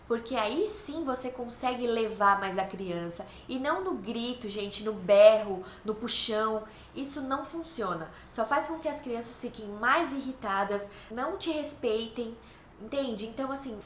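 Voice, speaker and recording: A woman in her thirties with a Brazilian Portuguese accent, giving earnest, reassuring parenting advice to other mothers. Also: fairly high pitch. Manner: earnest, reassuring, acts out playful voices for her kids. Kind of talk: casual advice vlog. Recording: echoey room, faint background noise.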